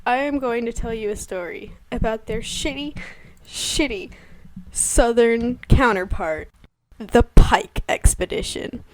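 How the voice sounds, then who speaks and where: A woman's voice: a little high, slow, dry recording, poor audio. A woman co-hosting a casual history podcast, playful, laughing often and telling historical facts in an upbeat way. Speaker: podcast co-host.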